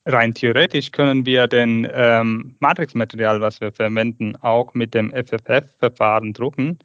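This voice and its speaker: A man's voice: medium pitch, steady tone, normal speed, fairly bright tone, no room sound. A man, speaking hesitantly as a guest in a podcast interview over an internet call. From South India. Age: late 30s. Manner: hesitant, searching for words in a second language. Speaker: guest researcher. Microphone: video call. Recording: dull, dry internet call.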